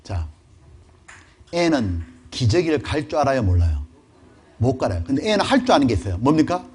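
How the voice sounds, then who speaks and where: Husky, animated man preaching. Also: mid-range voice, a little fast. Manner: lively, conversational, asks the audience questions. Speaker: pastor. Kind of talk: sermon lecture to a congregation.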